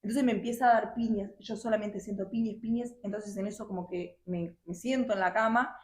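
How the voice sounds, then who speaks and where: A young woman telling her personal testimony in a halting, emotional way with many restarts. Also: medium pitch, steady tone, a little mellow. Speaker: guest sharing her testimony. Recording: roomy echo.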